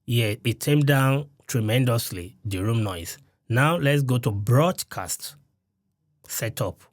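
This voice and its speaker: A man with a mid-range voice speaks slowly and expressively into a close-up studio condenser mic, and the recording is very dry. In the style of a gear review, he gives a mic test demonstration, explaining each setting one step at a time.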